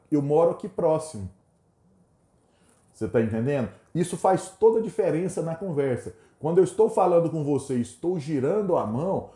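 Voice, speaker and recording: A Brazilian man teaches a lesson straight to camera, explaining each point and acting out little example dialogues. His voice sits a bit high but sounds soft and mellow. The room around him is echoey. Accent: Brazilian Portuguese. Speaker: instructor. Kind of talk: instructional talk to camera.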